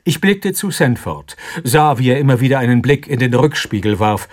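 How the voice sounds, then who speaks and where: Brief: male reader, first-person narration, tense, mid pitch. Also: expressive, moderate pace. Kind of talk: scripted literary narration.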